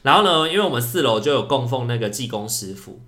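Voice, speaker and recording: A young man from Taiwan, a podcast co-host telling a story in casual chat, animated and acting out calls. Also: medium pitch, fast talker. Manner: animated storyteller who acts out shouted calls.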